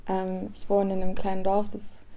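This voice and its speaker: A young woman from South Tyrol talks in a flat, gravelly voice with a mellow tone. She introduces herself casually and cheerfully, chatting away. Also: mid-range voice, fairly quick, a little hiss or hum. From South Tyrol, Italy. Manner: chatty, upbeat, laughs between phrases. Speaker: retreat participant.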